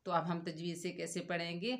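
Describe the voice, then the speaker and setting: A woman's voice: fairly low pitch, little pitch movement. A woman teaching Quran recitation rules in a tajweed lesson, drawing out the words she recites and asking the listener questions as she explains. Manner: slow, drawn-out recitation contrasted with explanation.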